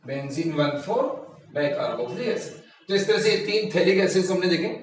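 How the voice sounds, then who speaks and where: A man's voice: high-pitched, animated, brisk. A man teaching a chemistry lesson, repeating key terms and asking himself rhetorical questions, recorded in a room from a distance. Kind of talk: classroom lecture. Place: classroom or coaching room. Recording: very echoey room, mic at a distance, faint noise.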